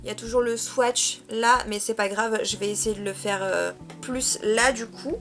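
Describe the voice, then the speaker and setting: A woman's voice: a little high, steady tone, moderate pace, a bit bright, faint music behind. A young woman from France in a casual makeup vlog, talking in a chatty way with many hesitations while she applies products. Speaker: beauty vlogger.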